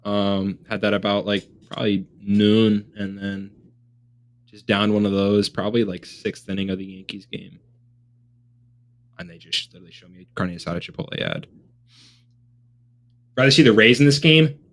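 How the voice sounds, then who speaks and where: A man's voice: fairly low pitch, normal speed, long pauses, a bit bright. A young man hosting a sports watch party, chatting casually like a frat bro with lots of bro and dude. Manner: frat-bro slang, constantly says bro and dude. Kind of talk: casual live stream chat.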